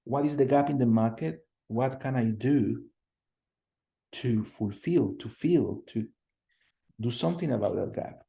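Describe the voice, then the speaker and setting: A man from Colombia in his thirties teaching a class over a video call, energetic, often repeating words and putting questions to the students. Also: mid-range voice, measured pace, gravelly. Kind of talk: online class lecture. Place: home room on a video call.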